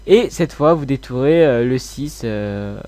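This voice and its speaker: Casual tutorial host, male, mid-pitched voice blocked by a cold, informal and halting delivery. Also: animated, mellow. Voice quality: congested, blocked-nose sound. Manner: informal, hesitant, mildly sweary. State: slightly ill with a cold.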